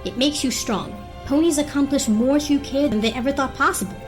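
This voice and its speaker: A woman voicing a stern, earnest pony princess in a dramatic comic reading, speaking in a formal, measured manner. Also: high-pitched, over music, close to an everyday voice.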